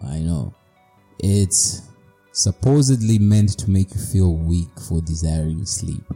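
A man's voice: deep voice, warm tone. A man from Zimbabwe, hosting a podcast in a reflective personal monologue, playful and self-mocking. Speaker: podcast host.

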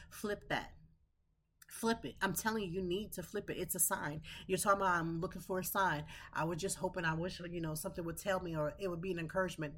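Woman, podcast host, emphatic, preachy, bright tone. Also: fairly low pitch. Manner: emphatic, preachy, uses slang. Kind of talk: casual motivational monologue.

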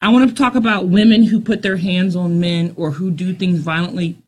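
A woman hosting a casual podcast chat, her voice husky and a little breathy. She tells her stories in an animated way, piling on filler phrases as she goes. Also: fairly low pitch, fairly quick. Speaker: podcast host.

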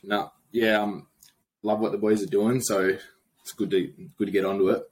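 A man's voice: on the low side, little pitch movement, normal speed, low-quality recording. A young man with a broad Australian accent, a podcast guest chatting in a blokey, slangy, informal way. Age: young adult. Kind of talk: casual chat.

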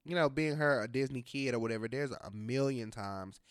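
Smooth, dry-voiced podcast co-host. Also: mid-range voice, a little fast, no room sound. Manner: relaxed, trails off in hesitant restarts. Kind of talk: casual chat.

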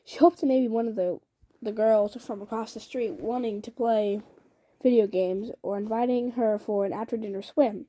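A young woman reading a novel aloud in a casual way. Her voice sits fairly high with a mellow tone. She often trips over a word and starts the phrase again. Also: normal speed. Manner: reads with frequent slips and restarts. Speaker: reader.

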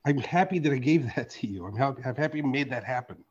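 Animated, profane man on a podcast. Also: fast, husky, dull audio. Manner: animated, profane, swings from loud outbursts to low asides. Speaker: podcast host and card artist. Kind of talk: casual podcast chat.

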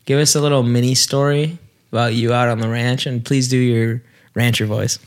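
A man's voice: medium pitch, level tone, normal speed. A man, chatting in an informal, slangy way as an eager co-host. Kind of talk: casual chat.

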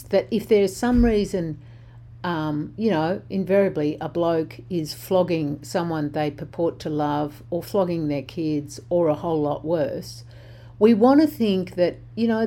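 This older woman's voice is fairly low and warm, with vocal fry, and it's starting to give out. As host of a social justice talk, she comments bluntly, passionately and conversationally.

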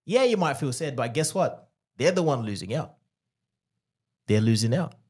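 A man's voice: medium pitch, lively intonation, normal speed, a little mellow, breathy edge. An Australian man, a podcast co-host and former dating coach, making emphatic, repeated points and telling stories in casual chat.

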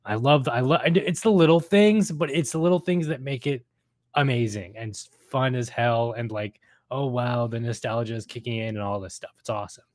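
A man co-hosts a casual gaming podcast, rambling enthusiastically and repeating phrases to drive points home. His mid-range voice is a little mellow and a little fast, captured in clean studio sound with no room sound.

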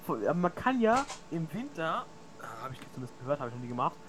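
A man's voice: a little high, big pitch swings, fast talker, fairly bright tone, a little hiss or hum. A young man co-hosting a casual podcast chat, slangy and swearing, often incredulous. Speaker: podcast co-host.

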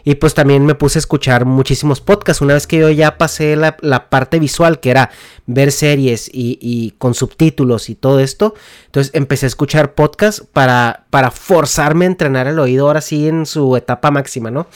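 A man's voice: medium pitch, normal speed, no echo, studio quality. A man with a Mexican Spanish accent, hosting a podcast and explaining things casually with slang, fillers and restarts. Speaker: podcast host.

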